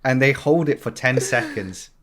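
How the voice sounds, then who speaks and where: A young man, a podcast guest, telling lively anecdotes in casual conversation and laughing through them. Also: medium pitch, normal speed, crowd noise. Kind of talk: casual storytelling.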